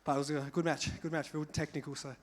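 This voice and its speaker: A man who just won a grappling match, out of breath and giving short, relaxed answers in an interview. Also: fairly high pitch, fast. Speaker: winning grappler. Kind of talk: post-fight interview.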